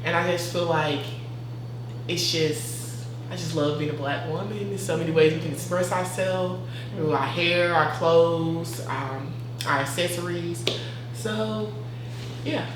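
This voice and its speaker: Young Southern US woman, low voice, earnest talk, roomy noisy recording. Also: unhurried. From North Carolina, USA. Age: 20s. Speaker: discussion participant. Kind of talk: casual group discussion. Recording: echoey room, far from mic, noisy.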